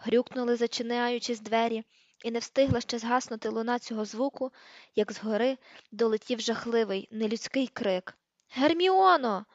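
A woman's voice: fairly high pitch, level tone, normal speed, darkish tone, no room sound. Woman reading an audiobook aloud. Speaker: audiobook narrator. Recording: dull lo-fi recording.

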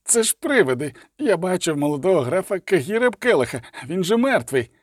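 A man's voice: high voice, sing-song, a little fast, no room sound, studio quality, voice pushed up. A man reading aloud voices an uneasy male soldier who speaks up hesitantly.

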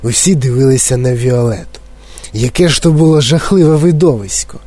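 A man narrating a children's story as an audiobook in a lively, expressive way. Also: mid-range voice, fairly quick, dry recording.

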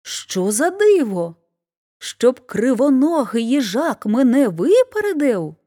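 A woman voicing a boastful male hare in a storybook, who is quick to anger and talks in high exclamations. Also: big pitch swings, warm tone, exaggerated voice. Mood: furious.

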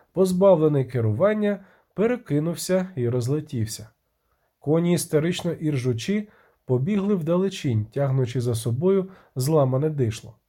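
A man's voice: fairly high pitch, mellow. A man narrating a fantasy audiobook expressively, giving the characters voices.

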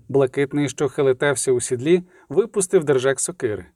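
A male audiobook narrator telling a violent battle scene in a steady, vivid way. His voice sits a bit higher than most men's. It is recorded on a close studio mic in a completely dry sound. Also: dry recording. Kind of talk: dramatic scripted narration.

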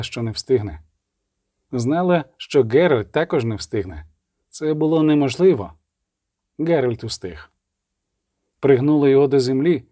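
A man narrating a story in a steady, measured way. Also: medium pitch, no room sound, clean studio sound. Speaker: audiobook narrator. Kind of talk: scripted narration.

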